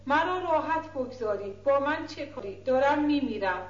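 A woman's voice: sits high, lively intonation, reverberant, highs cut off. A woman reading the part of a distraught, defiant young woman who speaks in broken outcries. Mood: desperate. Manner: broken, crying out.

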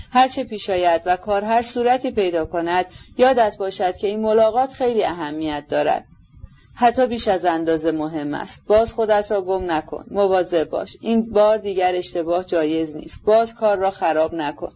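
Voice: medium pitch, darkish tone, natural voice. A narrator voicing an anxious young woman who urgently pleads with her brother, in a dull lo-fi audiobook recording. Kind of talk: audiobook character reading.

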